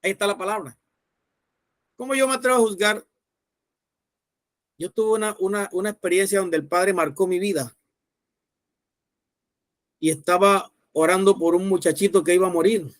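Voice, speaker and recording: A man's voice: high-pitched, fairly even intonation, moderate pace, pauses often, no echo. A man preaching a sermon as pastor, telling a story and acting out the people in it. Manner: storytelling preacher, voicing people in his stories.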